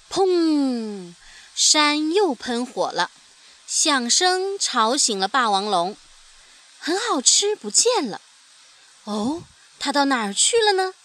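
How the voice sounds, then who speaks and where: A woman storyteller reading a picture book aloud in an animated way, acting out the sound effects. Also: fairly high pitch.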